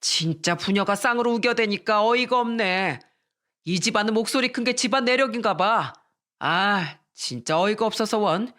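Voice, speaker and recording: A woman's voice: on the high side, lively intonation, normal speed, fairly bright tone. Woman doing a sneering cruel son-in-law. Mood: scornful. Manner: sneering, contemptuous. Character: arrogant cruel male son-in-law doctor.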